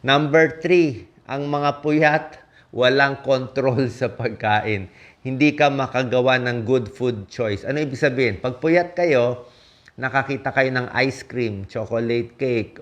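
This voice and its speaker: A man's voice: medium pitch, a little slow. A man from the Philippines, a doctor giving health tips in a casual, emphatic talk, often checking in with his listeners. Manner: punchy, emphatic list-giving with frequent "di ba?" checks.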